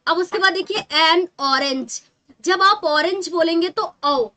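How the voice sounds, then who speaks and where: A woman's voice: very high voice, a little slow, pushed and bright. A woman teacher giving a patient English grammar lesson to children, often checking with short tag questions and drawing out key words.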